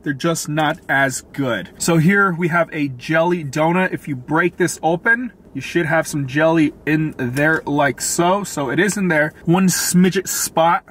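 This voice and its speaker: A man's voice: a little high, unhurried, hardly any pauses, a bit bright, a little hiss or hum. A man vlogging a casual food review from a parked car, chatting and commenting between bites. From Florida. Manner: chatty, tasting and commenting as he eats.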